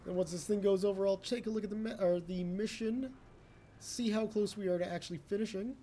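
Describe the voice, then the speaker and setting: A young man whose first language is English hosts a let's play, giving loose, rambling commentary, chatting to the game and poking fun at himself. His high-pitched, warm voice keeps a steady tone and moves a little fast. There's a little hiss or hum in the recording.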